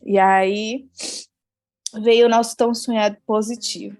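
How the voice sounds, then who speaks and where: A woman's voice: a little high, level tone, a little slow, a little mellow, no echo, faint music behind. A young adult woman from Brazil, an interview guest, telling a personal story in an earnest, emotional way, often adding small fillers.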